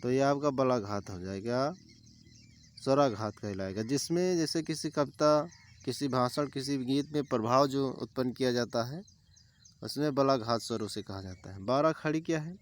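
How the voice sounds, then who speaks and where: A man's voice: mid-range voice, normal speed. A man teaching an exam-prep grammar lesson, explaining step by step and repeating key terms with lists of examples.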